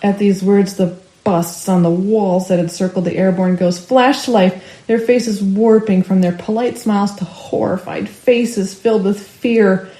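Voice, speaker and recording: A woman storyteller reading a family ghost story aloud, expressive and rising with the action. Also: mid-range voice, measured pace, hardly any pauses, echoey room, poor audio. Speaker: storyteller for a library. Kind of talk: scripted ghost story narration.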